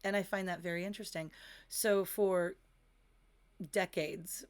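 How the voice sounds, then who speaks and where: A woman's voice: on the low side, fairly even intonation, measured pace, clear, resonant tone. A woman teaching manifestation in a casual, candid, conversational way, with a touch of self-deprecation.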